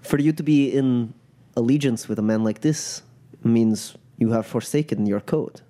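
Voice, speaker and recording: Man playing a scornful, mellow-voiced captive crime boss. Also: medium pitch, natural voice. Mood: cold scorn. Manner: measured, formal, disdainful phrasing.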